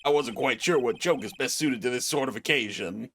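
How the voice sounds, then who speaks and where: A man voicing a washed-up male clown witness with a deep, mopey voice who rambles through self-pitying jokes. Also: a little fast, fairly bright tone, slight background noise, lightly acted. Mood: flustered. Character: washed-up middle-aged male clown witness, sad joker.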